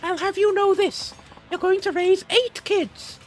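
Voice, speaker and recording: Very high-pitched mocking granny fortune teller. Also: female voice, steady tone, measured pace, a little mellow. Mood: teasing, scolding. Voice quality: high-pitched old lady voice. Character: teasing, cryptic old woman fortune teller. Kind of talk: playful improvised game voice-over in character. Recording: music behind the voice.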